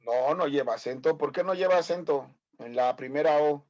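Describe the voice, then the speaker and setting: A man's voice: a little high, moderate pace, darkish tone, muffled recording. A man in his fifties with a Mexican accent, teaching a medical class online, teasing and quizzing his students. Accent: Mexican Spanish. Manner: teasing, corrects students, asks many quiz questions.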